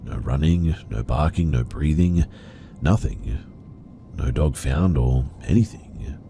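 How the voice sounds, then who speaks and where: Very deep, dark-voiced male narrator. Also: slow, a little hiss or hum. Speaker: horror story narrator. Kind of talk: scripted narration of reader-submitted stories.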